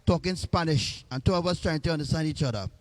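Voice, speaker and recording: A man with a notably high voice chats on his livestream. He jokes around, repeating lines for laughs in an easy, casual way. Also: lively intonation, quick pace. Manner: joking, repetitive, playful. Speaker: livestream host.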